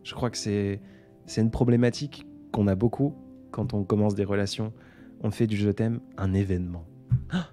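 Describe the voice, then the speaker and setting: Soft-spoken reflective man, low mellow voice. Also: steady tone. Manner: reflective, unhurried, with frequent hesitations. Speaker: poet and author on a live stream. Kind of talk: casual live-stream chat. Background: faint background music.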